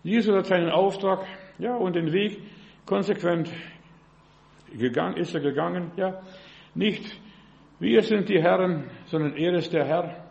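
A man's voice: sits high, vocal fry, darkish tone. A man preaching a fervent sermon in German, punctuating his phrases with frequent "ja" and rising into emphatic bursts. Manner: fervent, fills pauses with frequent "ja". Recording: dull lo-fi recording.

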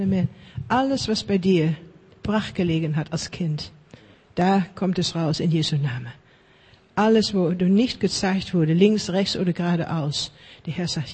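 A preacher leading charismatic prayer ministry, fervently repeating blessings, dropping into whispers at times and mixing in English phrases. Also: male voice, sits high, a little mellow, husky. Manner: fervent, repetitive chanting of blessings; mixes English phrases into German.

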